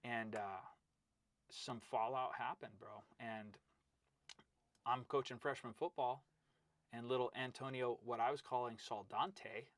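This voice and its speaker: A middle-aged man's voice in a dry, close-miked room, mid-pitched and conversational. He's a wrestling coach spinning stories with lively acted-out quotes, dropping "bro" and "right?" as he goes. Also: a little slow, pauses often, dry recording. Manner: animated storyteller, acts out quotes, says "bro" and "right?". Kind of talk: casual storytelling interview.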